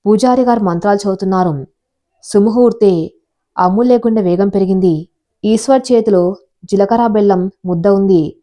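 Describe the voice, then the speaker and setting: A woman reading a scripted story in a steady, measured way. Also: medium pitch. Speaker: narrator.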